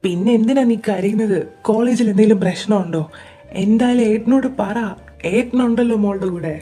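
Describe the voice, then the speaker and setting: A woman voicing a caring, protective young man who acts as an older brother, talking in a gentle, coaxing way in a fan audio drama. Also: a little high, fairly quick, faint music behind, natural voice. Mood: coaxing concern.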